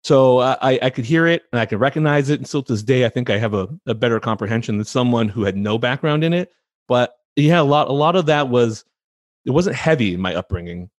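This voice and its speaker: An American man in his thirties talks easily as a guest in an interview, laughing often and restarting his sentences. His pitch sits in the ordinary middle for a man. The sound is close and dry, with no room echo. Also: lively intonation, quick pace. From United States, San Francisco Bay Area. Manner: chatty, laughs easily, repeats words when starting a thought. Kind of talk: casual interview conversation.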